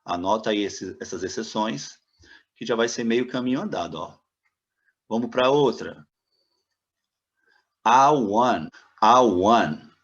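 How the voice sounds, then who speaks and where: A man's voice: fairly low pitch, normal speed. A man teaching English grammar, patiently repeating example words and asking the viewer rhetorical questions. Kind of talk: classroom explanation of grammar. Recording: dull, slightly lo-fi sound.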